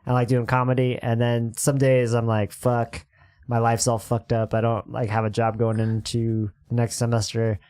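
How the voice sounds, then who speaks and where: A man's voice: mid-range voice, completely flat delivery, normal speed, a little mellow, clear, resonant tone. A man who is a comedian and musician, a guest in a casual podcast chat, talking loosely and thinking aloud.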